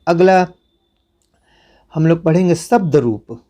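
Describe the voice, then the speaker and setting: Higher-pitched man teaching a syllabus lesson. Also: animated, slow, mellow. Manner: repetitive, instructive, addresses students directly.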